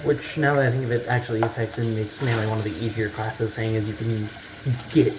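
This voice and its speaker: Speaking fairly quickly in a low, level voice, this gaming creator offers loose, unscripted commentary that is casual, halting and full of blunt swearing. Noise resembling running water is clearly audible behind him.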